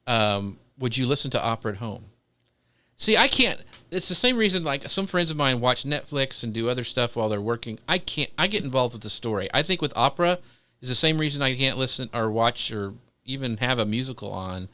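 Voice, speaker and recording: A man's voice: mid-range voice, animated, a little fast, bright, forceful tone. A man co-hosting a live podcast, chatty and rambling, with many ums and restarts. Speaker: podcast co-host. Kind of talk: casual live podcast chat.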